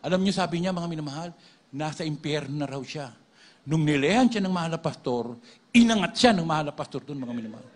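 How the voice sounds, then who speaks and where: High-voiced man giving church testimony. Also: lively intonation, quick pace. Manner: emphatic, repeatedly addresses the congregation as "beloved". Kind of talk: testimony preaching to a congregation.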